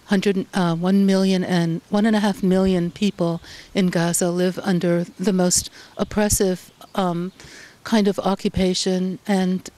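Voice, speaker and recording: A woman from Canada speaks as an interviewed journalist, her voice mellow and a little low. She answers in a measured, thoughtful way, pausing often to find her words. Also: level tone. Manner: measured, thoughtful, frequent ums.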